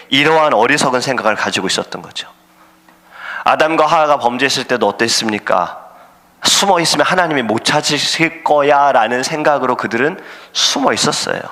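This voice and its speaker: Bright-voiced pastor preaching in a reverberant hall. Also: male voice, medium pitch. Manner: earnest preaching, acts out shouting sailors and God's voice. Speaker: senior pastor. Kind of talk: sermon. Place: church sanctuary.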